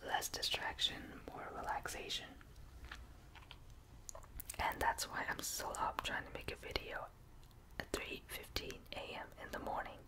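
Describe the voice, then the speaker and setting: Slow, whispered ASMR ramble from a young person. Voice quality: soft breathy whisper. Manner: whispering ear to ear, close to the listener. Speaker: ASMR video maker. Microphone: close binaural microphone.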